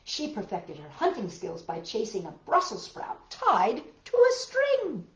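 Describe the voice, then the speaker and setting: Her voice sits a little high and swoops wildly in pitch as she reads a picture book to kids, going a little slowly. Dramatic emphasis and chatty asides to the children fill the reading, which echoes around a roomy space.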